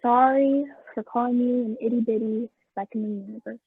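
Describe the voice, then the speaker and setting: A woman's voice: fairly high pitch, fairly quick, breathy edge, phone-quality sound. A woman doing a weird, blunt little sister. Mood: deadpan.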